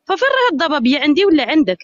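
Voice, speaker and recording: A woman with an Algerian Arabic accent pours out her grievances at a breakneck pace in a high, insistent voice. She comes through a phone on a live call, with dull, lo-fi audio in a dry space. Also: big pitch swings, dry recording. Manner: rapid, aggrieved and insistent. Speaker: guest on a live stream. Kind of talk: casual live-stream chat.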